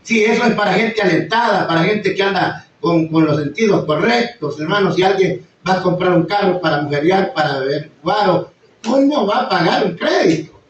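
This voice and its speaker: A man preaching a sermon, bursting into sudden high exclamations and acting out quoted voices. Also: animated, moderate pace. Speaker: pastor. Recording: echoey far-off room mic, slightly dull, faint noise.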